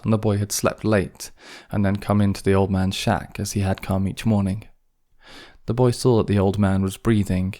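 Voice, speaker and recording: A man reading an audiobook with calm, even scripted narration. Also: lowish voice.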